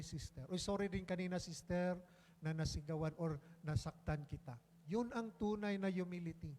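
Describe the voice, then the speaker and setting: High-voiced Filipino priest preaching. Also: male voice. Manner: conversational, prompts congregation, mixes English phrases. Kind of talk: sermon. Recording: reverberant church hall.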